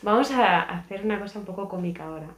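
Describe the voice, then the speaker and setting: A woman's voice: medium pitch, quick pace. A woman hosting a podcast, chatting casually, asking questions and praising guests. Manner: warm and chatty, asks and praises. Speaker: podcast host. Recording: roomy echo.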